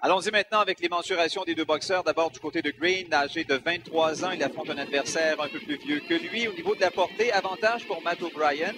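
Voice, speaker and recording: A man's voice: a little high, fairly even intonation, a little fast, few pauses. A man with a Quebec French accent hosting live boxing commentary from a very noisy, crowded venue. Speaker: boxing play-by-play host. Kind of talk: live sports broadcast commentary. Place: crowded club boxing event.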